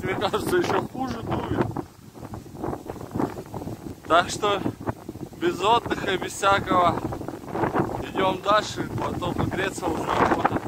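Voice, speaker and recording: A man chatting casually and plainly as he vlogs outdoors, talking against strong wind that hits the mic. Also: sits high. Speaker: vlogger. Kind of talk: casual outdoor vlog chat to camera. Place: outdoors in windy snowy countryside.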